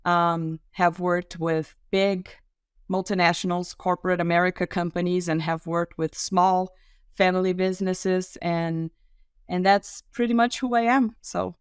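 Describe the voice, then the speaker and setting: Woman, Brazilian accent, middle-aged, slightly low voice, relaxed interview guest, many ums. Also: unhurried, smooth, no room sound, studio quality. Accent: Brazilian Portuguese. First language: Portuguese. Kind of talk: podcast interview.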